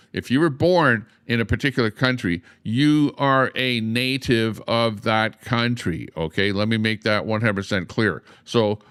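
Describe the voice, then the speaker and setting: An older Canadian man hosts a livestream, giving a long, casual monologue full of "uh"s and a repeated "okay?". His voice is fairly low and a bit bright, and the studio sound is clean with no echo.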